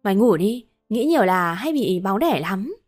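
A woman's voice: mid-range voice, very animated, normal speed, a little mellow, soft background music. A woman voicing Mrs. Giá, a harsh, scolding elderly mother-in-law. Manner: gruff, scolding.

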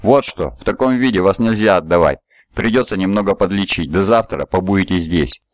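A man voicing a composed shaven-headed man in charge, calm, cool and commanding. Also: sits low, brisk, dry recording, natural voice.

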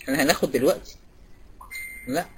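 A woman's voice: sits low, fast, slight background noise. A woman with an Egyptian Arabic accent teaching a recitation class, quizzing students by name and repeating key points. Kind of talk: online class lecture.

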